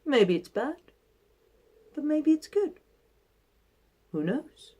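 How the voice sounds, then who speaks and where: A woman storyteller voicing a calm, patient old village man in the measured manner of a wise old sage. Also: sits high, voice pushed up, exaggerated voice. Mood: calm, philosophical. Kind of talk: oral storytelling.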